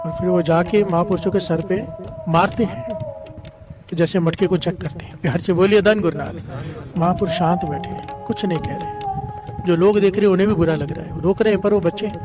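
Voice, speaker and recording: A man's voice: high-pitched, normal speed, long pauses. A man preaching a devotional sermon, telling a story and often calling out a chant for the congregation to repeat. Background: devotional music.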